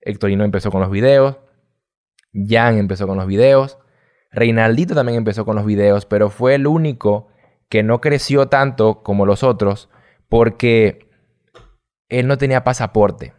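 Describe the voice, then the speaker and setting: A man's voice: lowish voice, moderate pace, clean tone. A young adult man from Venezuela with a light Venezuelan accent, chatting casually and rambling as an interview guest. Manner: relaxed, rambling, drops slang. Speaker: guest youtuber.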